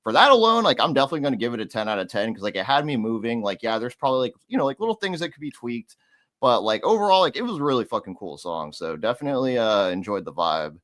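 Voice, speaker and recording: A man's voice: medium pitch, big pitch swings, fast, a bit bright. A man on an online call giving enthusiastic, casual feedback on a song, with lots of "like" filling his sentences. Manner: enthusiastic, peppered with "like". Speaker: music reviewer. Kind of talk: casual review chat on a live stream.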